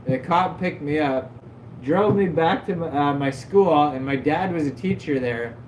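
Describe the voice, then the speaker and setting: His voice sits a little high, slightly mellow, at a normal pace. He's a livestream host at his home desk, spinning rambling, self-mocking stories stuffed with "like" in casual stream chat. The audio has an echoey room sound and a faint hum.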